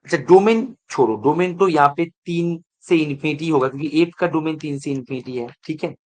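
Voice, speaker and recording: A man's voice: a little high, fairly quick. A male math teacher giving an online exam revision lecture, mixing English terms into his talk and often asking whether students are following. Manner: keeps checking if students follow; mixes English terms into Hindi.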